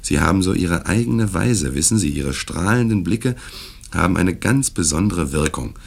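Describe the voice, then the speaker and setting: A genial but evasive asylum director, voiced by a male reader, courteous until crossed and then brusque. His very deep voice is husky and rasping and swings widely in pitch. He sounds smooth, insistent and worldly. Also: animated, moderate pace, full character voice. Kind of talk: dramatic reading of a classic tale.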